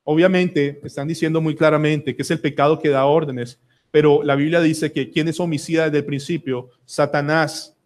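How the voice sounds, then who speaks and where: A man's voice: fairly high pitch, steady tone, normal speed, darkish tone. A Colombian man preaching a sermon as pastor, emphatic and pleading, putting question after question to the congregation. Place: church sanctuary.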